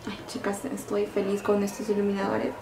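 A middle-aged woman vlogger demonstrating makeup in a casual, excited, gushing way, full of fond little diminutives. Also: medium pitch, brisk, gravelly, music in the background. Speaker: beauty vlogger. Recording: echoey room.

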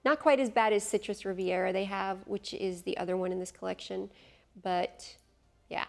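Wearing a lapel mic, a middle-aged woman casually reviews perfumes to camera in front of a studio beach backdrop. Her medium-pitched voice has vocal fry and a slightly mellow quality, and she's chatty and eager, musing aloud with fillers and side comments.

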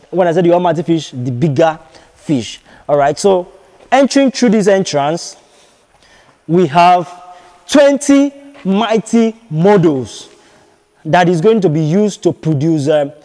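A young man from Nigeria giving a walking video tour of a fish farm, talking haltingly with many fillers and repeated phrases. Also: a little high, mellow. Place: large concrete fish farm buildings, partly open-air. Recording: long reverb in bare concrete halls.

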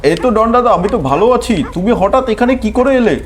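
A man's voice: high voice, lively intonation, a little fast, slight background noise. A man voicing a young, scrappy talking pet dog who boasts and guards his turf. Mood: boastful.

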